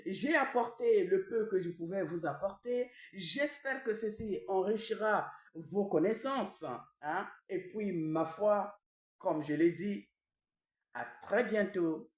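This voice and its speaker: A woman in the role of a traditional queen gives a language lesson. She repeats each word slowly and often tags her phrases with a questioning "hein?". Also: mid-range voice. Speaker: traditional queen teaching vocabulary. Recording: echoey room, mic at a distance.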